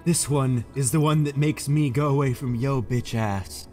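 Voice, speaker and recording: A man's voice: mid-range voice, moderate pace, a little mellow, soft background music, lightly acted. A man voicing a cocky, taunting young hedgehog antihero with flippant, mocking delivery in an improvised video game fan dub. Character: smug, taunting young male anime-style hedgehog antihero.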